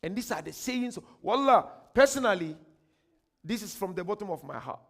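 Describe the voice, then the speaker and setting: A Ghanaian man with a Ghanaian English accent leads a religious workshop lecture, declaiming emphatically, reading quotations slowly and grandly, and slipping into quiet asides. His voice is high, sing-song and creaky.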